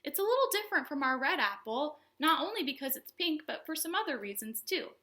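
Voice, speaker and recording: A little fast and high-voiced, a woman hosts storytime for young children as a children's librarian. Her teaching is simple and animated, sung as much as spoken, with questions aimed at her small viewers.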